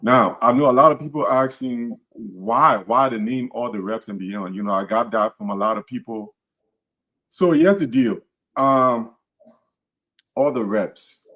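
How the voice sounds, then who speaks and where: Hosting a podcast, a man from Liberia speaks unhurriedly with a Liberian accent in a medium-pitched, sharp-toned voice. He's earnest and casual, often repeating himself and starting phrases over.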